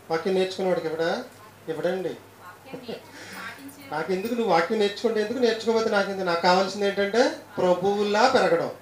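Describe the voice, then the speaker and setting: A man teaching a Bible lesson who repeats key phrases and keeps asking his listeners questions. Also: sits high. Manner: repetitive, asks questions of listeners. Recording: roomy echo.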